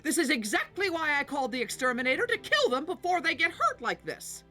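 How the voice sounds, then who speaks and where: A woman's voice: sits high, big pitch swings, a little fast, bright, forceful tone, soft background music, full character voice. An actress voicing a fussy, uptight woman who runs a homeowners' association, bossy and shrieking.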